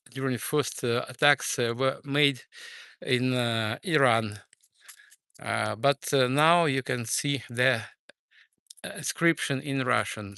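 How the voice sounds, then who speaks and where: A man from eastern Ukraine with a Ukrainian accent, giving a livestreamed walking tour of city streets and filling his pauses with many "uh"s. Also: mid-range voice, pushed and bright, smooth, dry recording. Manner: hesitant, many filler sounds. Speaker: streamer.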